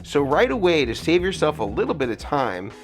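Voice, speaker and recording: A man's voice: on the high side, sing-song, brisk, soft background music. An American man talking through a face mask that muffles him, explaining a hands-on tutorial step by step. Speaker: tutorial host, guitar rig builder.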